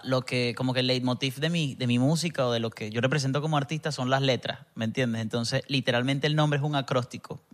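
A man chatting as a podcast guest. He talks in a rambling, reflective way and keeps checking that the listener follows him. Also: mid-range voice. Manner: rambling, reflective, asks "me entiendes" often. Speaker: guest musician. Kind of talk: casual podcast chat.

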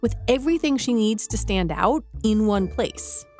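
A woman's voice: fairly high pitch, lively intonation, normal speed, a little mellow, faint music behind. A woman hosting a podcast, reading scripted journalistic narration. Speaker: podcast host.

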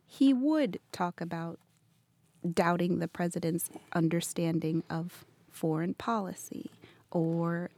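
A young woman reporter giving a quick, fluent account of her field reporting in a casual chat. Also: lowish voice, darkish tone. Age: young adult. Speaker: news reporter.

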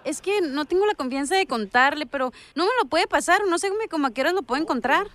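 A woman's voice: high-pitched, lively intonation, fast talker, fairly bright tone. A woman making a prank phone call, feigning innocence and goading the listener. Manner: feigns innocence, repeats herself to provoke. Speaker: prank caller.

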